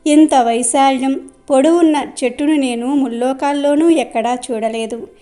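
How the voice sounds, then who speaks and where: A woman voicing a wily old male sage in a storybook tale, coaxing and flattering. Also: high-pitched, moderate pace, natural voice.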